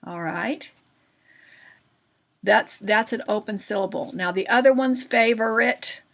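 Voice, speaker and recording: A woman teacher giving a recorded grammar lesson, patient and slow, often checking in with questions to her students. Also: on the high side, a bit bright.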